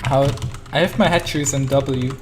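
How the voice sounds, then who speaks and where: A man calmly commentating his own live strategy game, in a mellow, flat, laid-back voice, chatting and often laughing. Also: mid-range voice, moderate pace. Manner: mellow, flat monotone delivery. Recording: noisy with keyboard clatter. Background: keyboard typing and mouse clicks.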